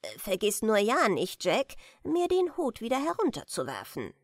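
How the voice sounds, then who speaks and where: A calm, hospitable old merman from a storybook, speaking with a genial ease, as a woman puts him on. His voice swings widely up and down. The sound is close and dry, with no room around it. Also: on the high side, normal speed, no room sound. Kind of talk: storybook reading.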